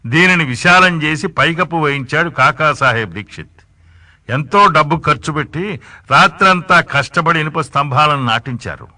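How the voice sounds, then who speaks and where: Bright, steady male narrator. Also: mid-range voice, no echo, clean studio sound. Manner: steady, storytelling. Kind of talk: scripted narration.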